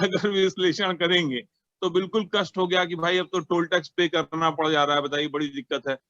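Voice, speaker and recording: A man from Varanasi speaks, a shopkeeper answering questions in a wry, anecdotal way. His voice sits a little high. The sound is dry and dull, like a lo-fi recording. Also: fairly bright tone, no echo. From Varanasi, India. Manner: anecdotal, wry, quotes scripture and plays out dialogue. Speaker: shopkeeper and trade association member. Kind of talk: storytelling interview answer.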